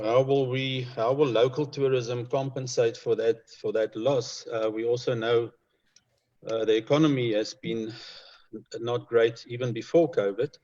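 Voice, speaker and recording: A man with a Namibian accent speaking as a conservationist in an informal interview, in a hesitant, measured and concerned manner. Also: medium pitch, darkish tone. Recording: dull lo-fi online call audio.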